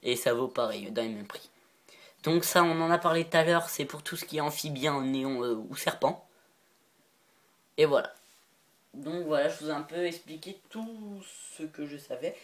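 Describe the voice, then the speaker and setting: A man's voice: fairly high pitch, normal speed, a bit bright. Male vlogger, casual show-and-tell, rambling, giggly, unsure of details. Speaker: reptile-keeping video maker.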